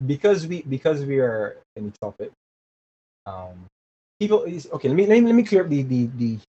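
His pitch swings widely around a mid-range center, his tone dark and slightly rough, his pace moderate. The man, from Barbados and in his 20s, is an earnest interview guest in a casual talk who keeps repeating words as he finds his phrasing; the remote recording is dull, lo-fi and faintly hissy.

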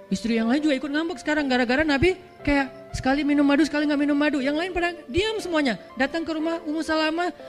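A woman preacher telling a religious story in a lively, chatty way, full of rhetorical questions. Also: high-pitched, quick pace, faint music behind.

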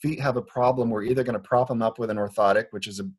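In a Portland, Oregon clinic, a Liberian foot doctor explains his views in a conversational interview, earnest and frequently restarting his sentences. His medium-pitched voice is husky and darkish, with fairly even intonation, and he speaks very fast.

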